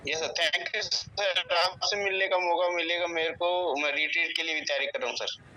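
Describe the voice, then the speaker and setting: A man's voice: on the high side, steady tone, moderate pace, pushed and bright, distant mic. A man calling in over a crackly phone line that breaks up, politely giving a testimonial and calling the host sir. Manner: polite, says sir often. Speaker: caller.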